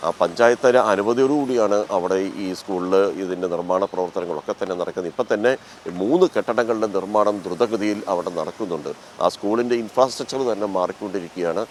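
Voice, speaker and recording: A male field reporter giving a live news report, measured, with frequent filler pauses. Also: fairly low pitch, a little hiss or hum, low-quality recording.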